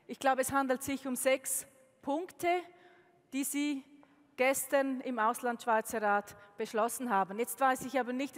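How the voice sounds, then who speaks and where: High-voiced woman moderator, hesitant. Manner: halting, many fillers. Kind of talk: hosting a plenary session. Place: conference hall. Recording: hall reverb.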